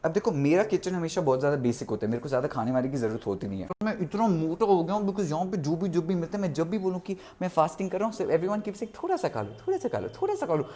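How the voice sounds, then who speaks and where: A young man talking casually in a vlog, animated, mixing Hindi and English and acting out quotes. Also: fairly high pitch, fast talker, few pauses. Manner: animated, mixes Hindi and English, exaggerated quoting. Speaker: vlogger.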